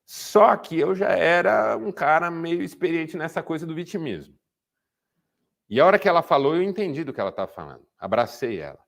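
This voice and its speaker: A man's voice: on the high side, a little fast, creaky. A Brazilian Portuguese-speaking man giving a sermon-style talk to a men's group, telling stories and acting out the dialogue. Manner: animated storytelling, acting out dialogue.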